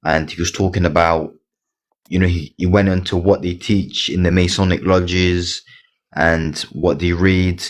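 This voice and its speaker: A man's voice: sits low, little pitch movement, a little slow. A man chatting casually on a live stream, often stumbling and repeating words as he talks. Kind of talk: casual chat.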